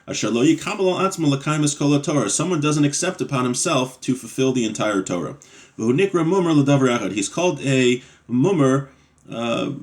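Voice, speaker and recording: Reading passages from a religious text aloud, a medium-pitched man then explains them in plain terms to his class, occasionally saying um and restarting sentences.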